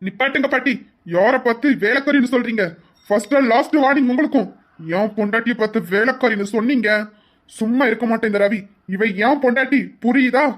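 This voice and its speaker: A performer voicing a protective young husband in an audio drama, stern and forceful, issuing warnings. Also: mid-range voice, fast talker, close to an everyday voice. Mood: angry. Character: furious young husband defending his wife. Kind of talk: amateur Tamil audio drama.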